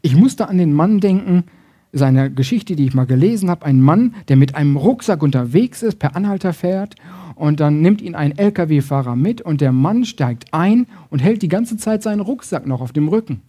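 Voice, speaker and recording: A man preaching a sermon, switching between loud emphasis and soft, intimate passages, acting out quoted voices and often adding "ne?". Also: a little high, lively intonation, normal speed, husky. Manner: acts out quoted voices, uses tag question "ne?".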